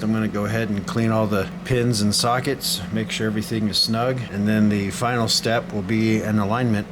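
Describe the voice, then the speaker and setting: A hobbyist radio repairer narrates a hands-on repair casually, thinking aloud as he works. His voice is lowish, with background noise in the recording.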